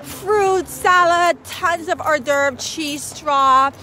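A woman in her forties, a financial advisor, live-streaming an excited, chatty vlog on her phone while walking down a city street. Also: sits high, extremely slow. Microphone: phone at arm's length. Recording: faint traffic noise outdoors. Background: street traffic.

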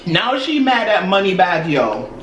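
A young man with a high-pitched voice shares slangy gossip while chewing and eating. His talk is casual. The sound is roomy, with faint noise behind it. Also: very animated, measured pace, fairly bright tone. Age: young adult. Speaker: mukbang host. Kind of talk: casual celebrity gossip chat. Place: indoors at a table, dark backdrop.

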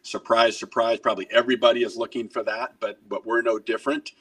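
A man's voice: mid-range voice, fast, husky, distant mic. A middle-aged man, a restaurant executive, talking earnestly and energetically in a video interview from his home office. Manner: earnest, energetic, gestures while talking, repeats words. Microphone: webcam on a video call.

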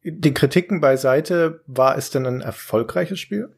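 A man's voice: mid-range voice, measured pace, gravelly, darkish tone, slightly rough. A man hosting a podcast interview, asking questions and sharing his own memories in a friendly way. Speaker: podcast host. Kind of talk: interview questions, casual chat.

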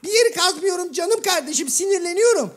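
Prissy shadow-play gentleman, male, squeaky high voice, formal, fussy, exasperated. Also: lively intonation, fast talker. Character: Hacivat, prim exasperated educated gentleman, male. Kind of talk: comic shadow-play sketch.

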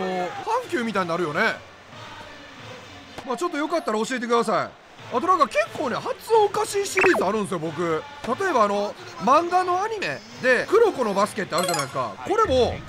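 Game music is clearly audible as a young man, a YouTuber speaking with a Kansai Japanese accent, narrates his own play. His high, excitable voice swings all over the place, and his fast talk breaks into rapid strings of repeated exclamations.

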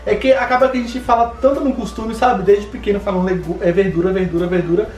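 A man's voice: high voice, steady tone, fast, darkish tone, faint music behind. A young man with a Bahian accent, chatting casually and teasingly to viewers as he hosts a home cooking vlog. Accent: Bahian Brazilian Portuguese. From Bahia, Brazil. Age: young adult. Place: home kitchen, indoors.

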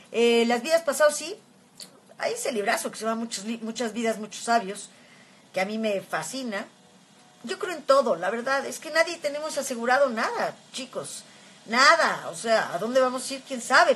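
A woman's voice: on the high side, fairly bright tone, a little hiss or hum. Chatty Mexican woman in her fifties, livestream. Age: 50s. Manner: chatty and affectionate, many filler words. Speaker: livestream host. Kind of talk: casual chat reading viewer comments.

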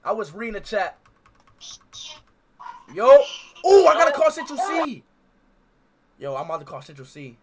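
A young man livestreaming, loud and excitable, chatting and shouting to his viewers. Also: high voice, moderate pace, pauses often. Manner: excitable, shouting, talks to chat. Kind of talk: loud casual livestream chat.

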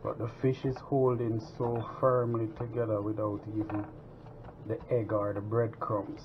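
His voice is lowish and his pace unhurried as this man hosts a cooking show from home. Chatty and relaxed, he talks while he works, captured in dull lo-fi sound with kitchen noise.

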